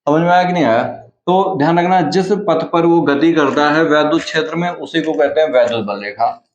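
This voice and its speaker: A male physics teacher lecturing in Hindi, his voice sitting a little high for a man. He keeps asking the class questions and answering them himself. The recording is roomy and a bit dull. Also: fairly quick. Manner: acts out the test charge in a small voice.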